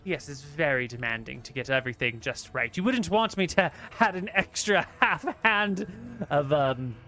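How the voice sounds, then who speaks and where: A man's voice: on the high side, animated, moderate pace, bright, forceful tone, faint music behind. A man voicing an ambitious, haughty female sorcerer in a tabletop game, speaking in a grandiose, condescending manner. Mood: guarded.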